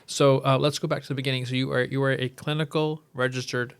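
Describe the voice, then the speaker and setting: A man's voice: medium pitch, level tone, fast, gravelly, clean tone. A man hosting a podcast interview, reflecting on the episode and asking questions. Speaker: podcast host. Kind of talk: interview conversation.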